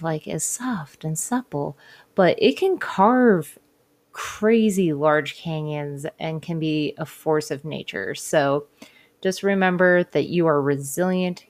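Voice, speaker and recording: A woman hosting a casual spiritual talk and tarot reading, speaking in a gently encouraging, hesitant, informal way. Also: sits low. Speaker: podcast host and tarot reader. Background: cards being shuffled at times.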